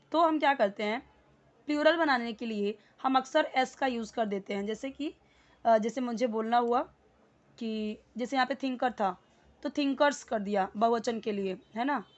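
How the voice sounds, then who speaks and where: A woman's voice: fairly high pitch, measured pace, lo-fi sound. Woman teacher explaining words patiently. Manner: patient, repeats words, many fillers. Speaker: English teacher. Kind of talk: Hindi English lesson, explaining word by word.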